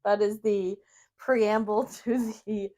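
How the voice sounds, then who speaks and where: Woman crafting host, casual, rambling, self-deprecating, mid-pitched voice. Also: steady tone, takes it slowly, warm tone. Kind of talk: casual brainstorming chat while sewing.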